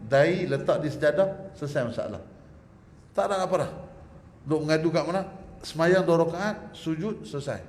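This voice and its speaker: A man preaching a religious lecture in a mosque prayer hall. He is lively and joking, often asks the audience to agree with him, and ends with a prayer. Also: a little high, normal speed. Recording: echoey hall with faint background hum.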